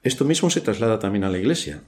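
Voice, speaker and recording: A man's voice: lowish voice, lively intonation, very fast, darkish tone. A man from Spain with a Spanish accent preaching a church sermon, asking rhetorical questions and adding dry ironic asides.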